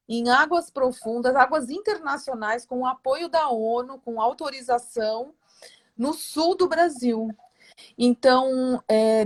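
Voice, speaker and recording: A woman from Santos, Brazil, hosting an interview in a chatty, rambling way, full of fillers and tag questions. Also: on the high side. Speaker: interview host. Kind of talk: casual interview chat.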